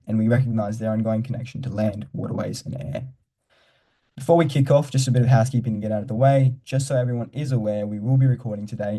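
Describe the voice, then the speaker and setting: A young man welcomes an online audience in a brisk, formal scripted read. His voice is dark and mellow, set a little low, and he moves through it quickly. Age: young adult. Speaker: event host. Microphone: online video call.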